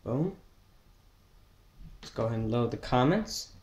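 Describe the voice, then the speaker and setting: A man's voice: medium pitch, animated, a little slow, darkish tone. A teenage male with an American accent hosting a casual vlog-style giveaway announcement, talking directly to viewers. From New Jersey, United States. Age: teens. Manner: casual, addressing viewers as guys. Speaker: fishing channel host.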